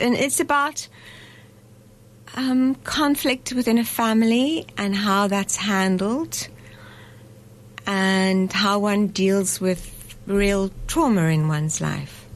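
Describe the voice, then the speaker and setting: In a radio studio interview, a middle-aged festival director speaks thoughtfully but hesitantly, full of fillers and restarts, and laughs easily. Her voice is mid-range, with slight background noise.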